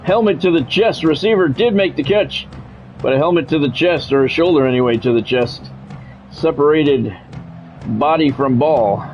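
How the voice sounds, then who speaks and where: Over faint background music and dull audio, a streamer with a fairly high voice narrates football action in his own game at a moderate pace. The American former radio play-by-play announcer also drifts into casual chat.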